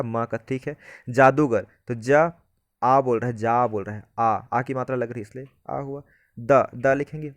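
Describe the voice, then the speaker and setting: A man's voice: mid-range voice, no room sound. Man explaining Hindi lesson step by step. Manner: explains step by step, keeps checking "clear?". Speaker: Hindi teacher.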